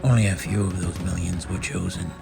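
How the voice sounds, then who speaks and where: Over music, a man with a deep, gravelly voice delivers a solemn, theatrical first-person narration of a space saga, like a dramatic comic-book reading. His tone is steady and his pace fairly quick.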